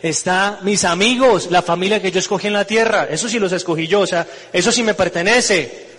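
A man's voice: high voice, fairly quick, a bit bright, voice pushed up. A man voicing an ordinary man after death who talks in an eager, puzzled way in a parable. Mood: pleading. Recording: long hall reverb, faint music.

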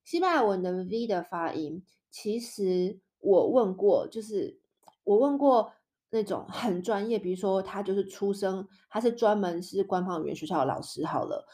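A woman's voice: mid-range voice, dark tone. A young woman from Taiwan hosting a podcast in a casual chat, explaining Spanish words through playful example dialogues. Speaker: podcast host teaching Spanish.

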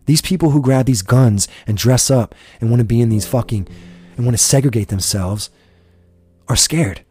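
A man's voice: medium pitch, moderate pace, darkish tone, faint music behind. A man from the United States hosting a podcast, delivering an impassioned, profane political rant. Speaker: podcast host.

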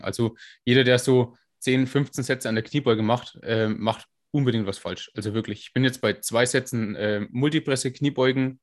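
Man with a raspy smoker's voice, explaining. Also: medium pitch. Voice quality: scratchy smoker's rasp. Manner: explanatory, technical, informal. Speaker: podcast co-host and fitness coach. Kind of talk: casual explanatory podcast talk.

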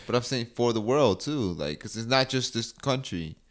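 A man's voice: mid-range voice, expressive, normal speed. A young man chatting casually with a friend, talking in slang and often restarting his sentences with fillers. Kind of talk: casual chat.

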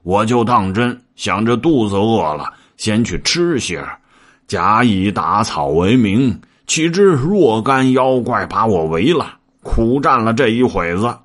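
A man's voice: lowish voice, big pitch swings, a little slow. A man doing Zhu Bajie, whiny blustering pig-monk. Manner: complaining, blustering. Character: greedy clumsy pig-monk, whiny and boastful.

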